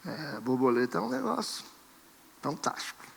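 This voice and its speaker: A man preaching a sermon as pastor, animated, acting out his listeners' voices. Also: on the high side, moderate pace, gravelly, big-room sound, a little hiss or hum. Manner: animated, acts out congregants and mimics camera clicks. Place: church sanctuary.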